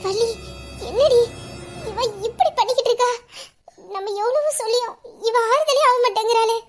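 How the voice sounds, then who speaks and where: A woman's voice: extremely high pitch, moderate pace, faint music behind. A woman voicing an older sister who scolds and consoles a grieving girl in a caring, persuasive way, as in a fan audio drama. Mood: consoling.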